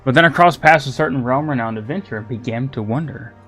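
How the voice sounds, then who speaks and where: A swaggering old sea captain spinning a yarn in a pirate drawl, as a man puts him on while reading game dialogue. His pitch rides a little above his usual talk. Faint game music plays behind him. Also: fast, fairly bright tone, natural voice. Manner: reads the lines aloud, stumbling on names. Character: seafaring male explorer captain with a pirate drawl.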